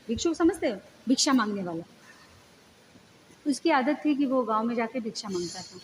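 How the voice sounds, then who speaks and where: Woman, spiritual lecturer, high voice, storytelling, explains terms, faint background noise. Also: rough recording. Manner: explanatory, asks listeners questions.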